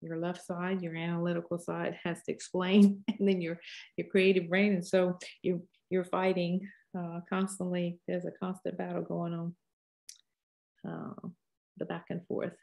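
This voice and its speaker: Low-voiced older Cajun woman, folksy and rambling. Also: level tone, measured pace, vocal fry, a little mellow. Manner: rambling, folksy, thinks aloud while painting. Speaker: painting teacher. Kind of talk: casual live painting tutorial.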